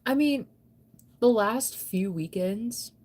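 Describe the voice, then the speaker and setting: She speaks with a fairly high pitch, expressively and slowly, in a slightly mellow voice. An American woman in her thirties, she's a live streamer chatting casually late at night while reading and answering viewers' comments. Her talk meanders in a playful, self-teasing way.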